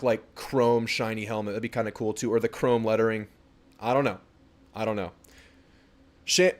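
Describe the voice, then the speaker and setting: Young man, upbeat livestream host, casual chat, mid-range voice, desk mic. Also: mid-range voice. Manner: upbeat, chatty, greets chat by name. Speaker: host of a fan sports livestream. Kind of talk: casual livestream chat reading viewer comments.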